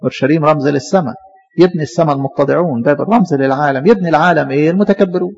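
Fast, high-voiced Egyptian preacher. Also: male voice, gravelly, highs cut off. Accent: Egyptian Arabic. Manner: animated, rhetorical questions, acts out quotes. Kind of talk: sermon.

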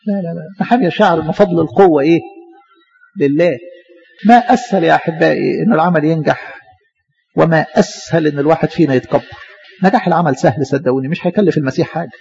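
A man with an Egyptian accent preaches quickly in a fairly high voice. He keeps asking rhetorical questions and briefly acts out what others say. The recording is slightly dull and lo-fi. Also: gravelly, darkish tone. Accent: Egyptian Arabic. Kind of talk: sermon.

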